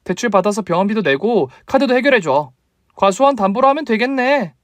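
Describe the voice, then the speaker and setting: A man playing a shrill, nagging young wife. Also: lively intonation, brisk, no echo. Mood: scornful. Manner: whiny, accusing, nagging. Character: demanding selfish young wife, shrill and scornful. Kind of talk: story radio acting.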